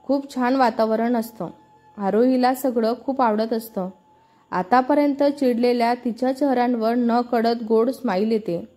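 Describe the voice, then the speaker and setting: A woman narrating a scripted story in a steady, even reading manner. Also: a little high, unhurried, faint music behind.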